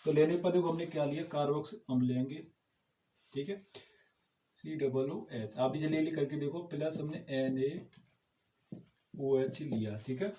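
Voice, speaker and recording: A man's voice: on the high side, normal speed, long pauses, mellow, echoey room, a little hiss or hum. A man teaching chemistry in a casual lecture style, with motivational asides and constant rhetorical check-ins with his students. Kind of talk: informal classroom lecture.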